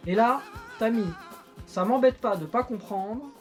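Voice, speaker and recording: A woman's voice: on the high side, measured pace, faint music behind. A middle-aged woman in casual chat, reviewing an old record with her child in a playful, self-mocking way with many fillers. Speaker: YouTuber and parent.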